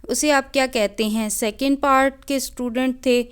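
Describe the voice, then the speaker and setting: A woman reading a first-person story aloud in a measured, conversational storytelling manner. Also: high-pitched, fairly even intonation, clean tone.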